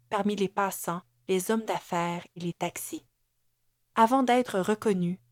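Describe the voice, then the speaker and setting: A woman with a Québécois accent reads scripted audiobook narration at a measured, dramatic pace. Her voice sits in a middle pitch. The recording is dry and close, with no room sound. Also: dry recording.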